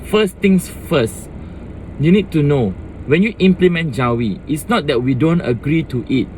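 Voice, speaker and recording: A young Malaysian vlogger with a Malaysian accent rants passionately and casually to the camera, switching between English and Malay. His voice is on the high side, expressive and slightly mellow at normal speed, and the poor audio carries some hiss or hum.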